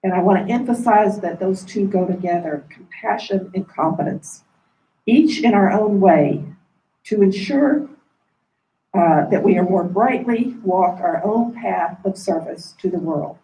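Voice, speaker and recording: A woman giving a formal, measured welcome speech as a dean, her voice coming through a face mask. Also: mid-range voice, dark tone, lo-fi sound, slight background noise. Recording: roomy echo, distant mic.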